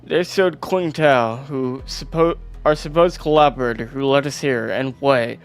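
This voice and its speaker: Guy narrating a game story, slow and deliberate, middle pitch, faint music behind. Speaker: co-player and narrator. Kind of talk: reading video game story narration aloud.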